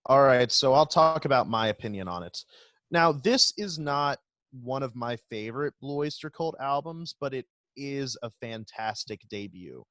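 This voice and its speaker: Young dude co-hosting, laid back jokey rundown of a band, medium voice, dry close sound. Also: male voice, medium pitch, normal speed, no echo. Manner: walks through band history in a relaxed, joking way. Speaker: podcast co-host. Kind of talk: casual music review chat.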